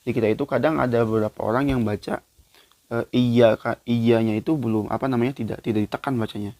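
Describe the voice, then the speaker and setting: A man gives a relaxed recitation lesson, talking through the rules with plenty of filler words. He breaks into slow, louder chanted verses now and then. The sound is close and dry, with a middle-pitched voice. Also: no echo. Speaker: Quran recitation teacher.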